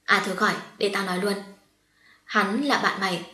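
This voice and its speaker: A woman's voice: mid-range voice, fairly even intonation, fairly quick, pushed and bright, reverberant, natural voice. A woman voicing a hurt young woman who speaks in a firm, cutting way. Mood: angry. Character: wounded young woman, calm but fierce.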